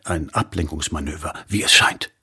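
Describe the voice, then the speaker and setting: A man reading an audiobook, voicing a nervous palace official who speaks hesitantly and deferentially in a husky voice. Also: very deep voice, normal speed, sharp tone, voice pushed down, exaggerated voice.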